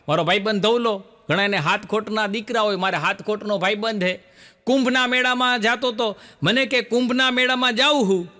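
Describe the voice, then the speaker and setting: Bright-voiced comedian. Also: male voice, high-pitched. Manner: folksy joke-telling with acted dialogue and audience laughter. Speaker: stand-up comedian. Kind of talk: Gujarati folk comedy storytelling. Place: stage show before a live audience. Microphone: stage microphone.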